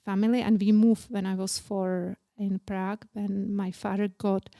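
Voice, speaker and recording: Mellow-voiced woman with a Czech accent. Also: mid-range voice, little pitch movement, creaky, no echo, studio quality. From Czech Republic. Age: 40s. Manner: halting non-native English, plain and earnest. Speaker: guest. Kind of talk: casual interview.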